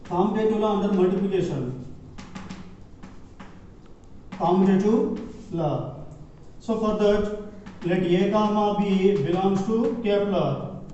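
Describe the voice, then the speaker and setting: Echoey, high-pitched South Indian man dictating maths. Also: warm tone. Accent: Indian, Telugu-speaking south. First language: Telugu. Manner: dictating, repeating phrases deliberately. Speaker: mathematics teacher. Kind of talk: classroom lecture, step-by-step proof. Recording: muffled, very echoey, distant, noisy room.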